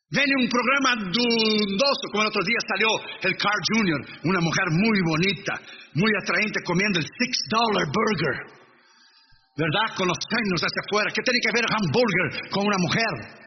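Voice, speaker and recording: A man's voice: sits high, normal speed. A man preaching a sermon in church, addressing the congregation directly and emphatically, dropping in English phrases. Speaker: pastor. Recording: echoey hall, dull lo-fi sound, noisy.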